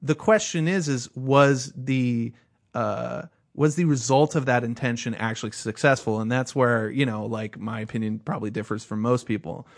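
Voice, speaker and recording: A man's voice: mid-range voice, normal speed. A man co-hosting a podcast, ranting heatedly in casual chat with lots of swearing. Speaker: podcast co-host.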